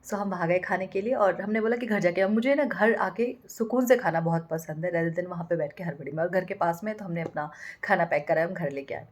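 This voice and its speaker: A woman's voice: lowish voice, fairly quick, hardly any pauses. A young woman, a manifestation coach, talking casually and directly to the viewer, sprinkling in English words. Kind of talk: casual spiritual advice talk.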